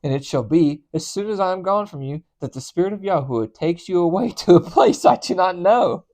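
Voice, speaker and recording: A man voicing a frightened male servant who pleads, his voice jumping high with nervous agitation. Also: lively intonation, fairly quick, dark tone, close to an everyday voice. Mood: panicked.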